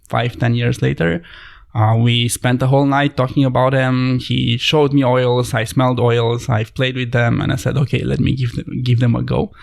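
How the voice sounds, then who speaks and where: A man's voice: mid-range voice, gravelly. A man from Romania, a podcast guest telling his story thoughtfully in slightly phrasing. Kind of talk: conversational podcast interview.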